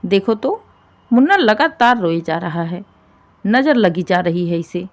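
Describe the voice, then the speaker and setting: A shrill, taunting older mother-in-law, as a woman storyteller puts her on, her voice pushed up high and loud. She nags and complains with a grasping, sharp tongue, like a figure in a spoken family drama storybook. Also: expressive, measured pace, lightly acted. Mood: nagging.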